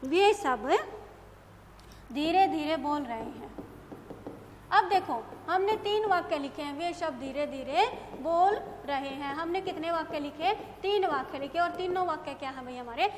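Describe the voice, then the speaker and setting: A woman's voice: high-pitched, normal speed, hardly any pauses. A woman teacher giving a grammar lesson to young pupils, often asking questions and answering them herself. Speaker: school teacher. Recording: echoey classroom with long reverb, faint noise.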